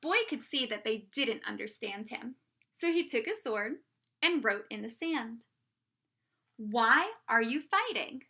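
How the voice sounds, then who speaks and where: Brief: woman teacher, picture-book read-aloud, high bright voice, questions for kids. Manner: slow, expressive storytelling voice.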